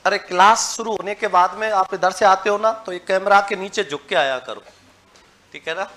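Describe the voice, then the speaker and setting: A man's voice: sits high, bright, forceful tone. A man teaching Hindi grammar to a class, quizzing students and having them repeat lists after him. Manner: drills lists slowly, syllable by syllable. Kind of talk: classroom lecture.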